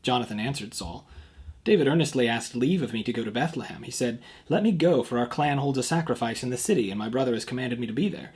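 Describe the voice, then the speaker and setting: A man's voice: medium pitch, animated, fast talker, darkish tone, husky. A man giving a devotional talk as a youth pastor, reading the passage aloud and stopping to explain it in plain words. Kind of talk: devotional scripture reading and commentary.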